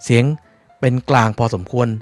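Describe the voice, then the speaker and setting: A man's voice: normal speed, dry recording, faint music behind. A Thai man giving a casual spoken review of earphones, repeating points to stress them.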